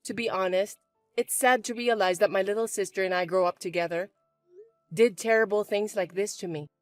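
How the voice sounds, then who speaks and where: A young woman telling a chat story as herself, speaking quietly in a flat, sarcastic way. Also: mid-range voice, a little fast, no echo, soft background music.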